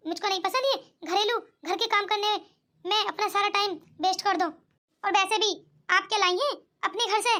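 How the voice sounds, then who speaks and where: A lazy, boastful young bride played by a woman in a cartoon. Her voice is very high and bright, and she talks down to everyone in a snooty, dismissive way. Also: normal speed. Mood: scornful. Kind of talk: cartoon voice acting.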